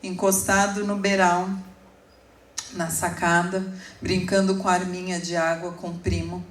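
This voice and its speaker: A woman in her forties giving an emotional sermon testimony, telling her story slowly with sudden emphatic rises. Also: fairly low pitch, flat delivery. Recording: echoey room, speaker far from mic.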